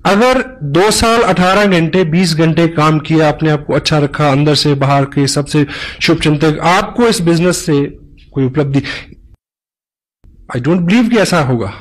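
A man's voice: on the high side, unhurried, low-quality recording. A man giving a motivational business seminar talk, emphatic, mixing in English phrases and telling parables.

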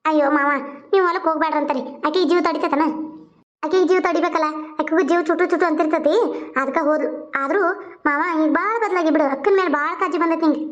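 An earnest, dutiful young village girl from a cartoon serial, talking things through. Her voice is high and she speaks quickly. The sound is a little dull.

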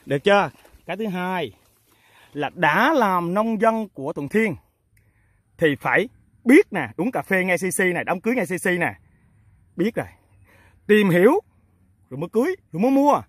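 A man's voice: high-pitched, lively intonation, moderate pace, long pauses, breathy edge, no room sound. A man with a Southern Vietnamese accent, the founder of a fertilizer company, speaking off the cuff to farmers and agents in a blunt, emphatic way full of rhetorical questions. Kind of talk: off-the-cuff talk to his customers.

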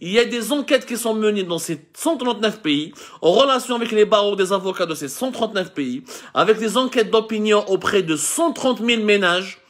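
An Algerian man with an Algerian accent hosts a live talk, explaining things to his viewers like a lecturer. He often restarts his sentences and piles up lists. His voice sits fairly high for a man. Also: expressive, fairly quick, a bit bright. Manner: mixes French with Algerian Arabic, many restarts and lists. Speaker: host of a live show. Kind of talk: talking to camera, explaining to viewers.

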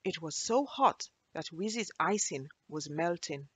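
A woman reading a children's storybook aloud in a gentle, expressive way. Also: low voice, measured pace, breathy edge, no room sound.

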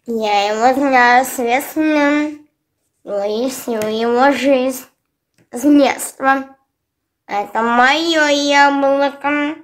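A woman reading a children's tale aloud, voicing a stubborn, grumpy hedgehog who guards his apple in slow, emphatic words. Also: high voice. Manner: stubborn, insistent.

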